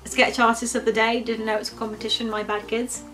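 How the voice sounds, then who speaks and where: A woman's voice: on the high side, little pitch movement, fast talker, a bit bright, faint music behind, rough recording. A woman co-hosting a casual review vlog, chatty and candid, laughing easily. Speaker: vlogger co-host.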